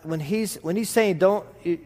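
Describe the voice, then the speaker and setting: A man's voice: high voice, moderate pace, darkish tone. A man with a rural Texas drawl preaching conversationally, in a folksy, rambling, self-deprecating way. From Texas, United States. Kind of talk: conversational sermon with anecdotes. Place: large reverberant room, preaching to a congregation. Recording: reverberant hall sound.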